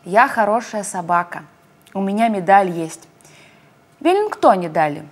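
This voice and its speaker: A woman's voice: medium pitch, expressive, moderate pace, natural voice. A woman voicing a small, boastful frog who claims to be a dog, in a storybook reading.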